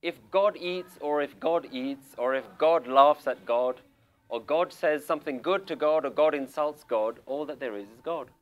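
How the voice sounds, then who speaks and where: A man's voice: on the high side, moderate pace, clear, resonant tone. Emphatic man giving a spiritual talk. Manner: questioning, emphatic, rhetorical. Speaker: spiritual teacher. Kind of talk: spiritual talk to a seated group. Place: room with a small audience.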